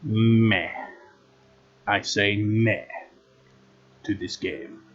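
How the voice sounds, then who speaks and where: A man's voice: lowish voice, steady tone, very slow, husky, highs cut off. A man giving casual, rambling video game commentary in a wry, unenthusiastic manner. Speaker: gameplay video host. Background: game music.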